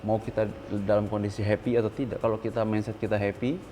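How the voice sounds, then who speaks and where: Earnest low-voiced man in his thirties. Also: little pitch movement, fast, dark tone, slight background noise. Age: 30s. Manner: earnest, mixes English words, stressed rises when quoting others. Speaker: interview guest. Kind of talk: candid interview talk.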